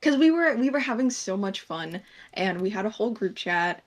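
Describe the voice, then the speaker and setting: A woman's voice: mid-range voice, lively intonation, normal speed. A young woman chatting casually with friends, giggly and talkative. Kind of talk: casual group commentary chat.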